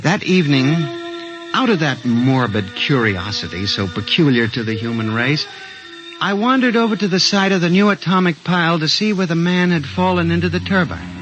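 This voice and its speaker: A man's voice: fairly high pitch, expressive, normal speed. A man playing a hesitant, earnest statistics clerk who also narrates, in a 1950s radio drama with an old broadcast sound. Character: timid middle-aged male statistics clerk. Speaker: narrator and lead character. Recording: muffled lo-fi old radio recording with music.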